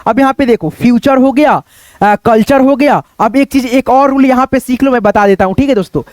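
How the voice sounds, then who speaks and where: In a dry recording, a fairly quick man with a very high-pitched, slightly mellow voice teaches English pronunciation rules. Talking to viewers like friends, he poses questions, answers them himself and repeats phrases a lot in this spoken lesson.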